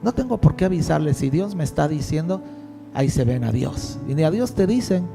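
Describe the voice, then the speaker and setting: A male pastor preaching a sermon in a lively, conversational way, with jokes and rhetorical questions. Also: fairly high pitch, fairly quick, vocal fry, music in the background.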